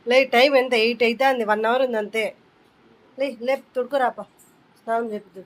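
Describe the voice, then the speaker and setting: A woman narrating a family vlog, gently coaxing her small son and repeating her questions to him. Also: on the high side, steady tone, fairly quick, low-quality recording. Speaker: mother filming a family vlog.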